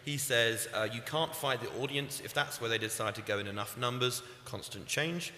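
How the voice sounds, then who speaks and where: A man moderating a conference panel, briskly reading out comments and taking questions from the room. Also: medium pitch, sharp tone. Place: conference hall, live panel. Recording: echoey hall with faint noise.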